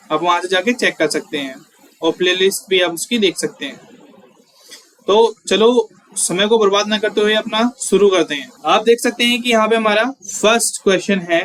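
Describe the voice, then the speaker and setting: A man's voice: high voice, a bit bright, low-quality recording. A man teaching an exam-prep grammar lesson, explaining step by step, asking viewers questions and reading example sentences word by word.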